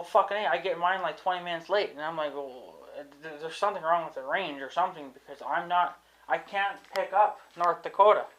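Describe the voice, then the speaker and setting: On a low-quality recording, a young vlogger with a rather high, slightly bright voice thinks aloud to camera. He rambles casually, sounds unsure of himself and swears freely.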